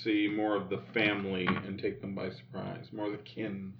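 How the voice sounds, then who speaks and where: A man playing a tabletop game, chatting in a joking, lively way. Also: low-pitched, normal speed, creaky, dull audio, heavy background noise. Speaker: player. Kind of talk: casual tabletop game talk.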